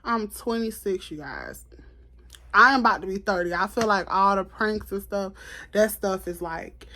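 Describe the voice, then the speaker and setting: A woman in her twenties from Florida, chatting casually to camera as a podcast host, animated and repeating herself with laughs. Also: mid-range voice. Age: 20s. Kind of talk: casual vlog chat to camera.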